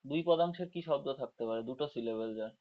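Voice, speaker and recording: A man teaching an online class to school students, explaining slowly, checking in with frequent tag questions and drawing words out syllable by syllable, on dull lo-fi audio. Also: mid-range voice. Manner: drawls words out syllable by syllable when demonstrating.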